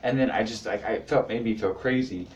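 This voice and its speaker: A man in his twenties doing a rambling confessional stand-up to his camera, halting with many fillers and restarts. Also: lowish voice, a little mellow, recorded from a distance, dull audio, slight background noise. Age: 20s. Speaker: amateur stand-up comic. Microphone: camera mic.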